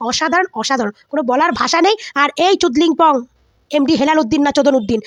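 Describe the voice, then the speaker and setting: A woman's voice: sits high, quick pace, no echo. A woman vlogger giving heated celebrity gossip commentary, scolding and insulting with lots of repetition.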